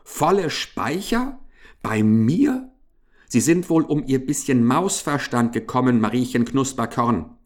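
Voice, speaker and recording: A man's voice: mid-range voice, animated, takes it slowly. A man voicing a fat, stingy male hamster who grumbles, blusters and complains. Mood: grumbling. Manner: grumbling, blustering, self-pitying.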